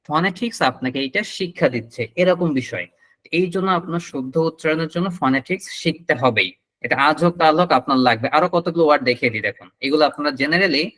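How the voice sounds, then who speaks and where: Bright-voiced Bangladeshi teacher lecturing online. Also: male voice, fairly high pitch, rough recording. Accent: Bangladeshi Bengali. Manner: explanatory, drawn-out word demonstrations. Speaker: English teacher. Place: online class.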